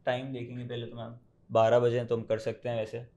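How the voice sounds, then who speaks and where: A man's voice: medium pitch, monotone, fast, a little mellow. A man in a student role, politely asking his mentor questions and giving short, deferential replies. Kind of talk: conversational Q&A.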